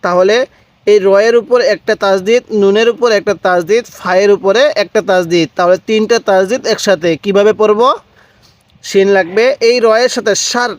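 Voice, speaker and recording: A man's voice: sits high, fairly even intonation, no echo. A man teaching Quran reading, spelling out letters one by one and coaxing the listener to repeat aloud, with a Bangladeshi Bengali accent. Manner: spells out letters slowly, then blends them; coaxes viewers to repeat aloud. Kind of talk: step-by-step spelling lesson.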